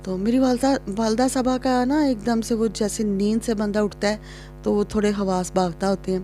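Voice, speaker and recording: Vlogger, woman from Pakistan, warm mellow voice, chatty storyteller, faint music under. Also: medium pitch. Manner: chatty, reenacts scenes with rising excitement. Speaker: vlogger telling a childhood story. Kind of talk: casual storytelling to camera.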